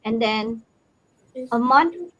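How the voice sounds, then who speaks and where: A woman from the Philippines introducing herself as a guest in a live chat, lively and correcting herself as she goes. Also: fairly high pitch, extremely slow. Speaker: panel guest. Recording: dull lo-fi call audio.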